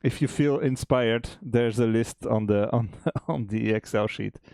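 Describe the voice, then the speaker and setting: A man, an indie game developer, chatting casually on a stream, relaxed and laughing often. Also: mid-range voice, a little slow, gravelly, smooth, no echo. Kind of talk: casual chat on a dev stream.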